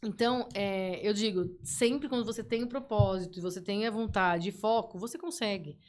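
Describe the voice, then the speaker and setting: A woman, a guest telling stories in a playful, animated way. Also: mid-range voice, moderate pace. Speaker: podcast guest. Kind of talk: casual interview chat.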